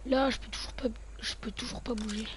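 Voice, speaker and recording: Brisk and steady, a man with a very high voice walks viewers through his game in let's-play commentary, muttering to himself between comments. It's a noisy home recording.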